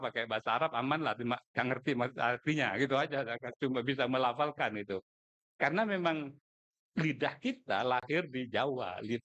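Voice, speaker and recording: On a muffled recording, a fairly bright, medium-pitched voice belongs to a middle-aged Madurese man cracking jokes in a casual contest speech. He chats freely and throws in colloquial asides.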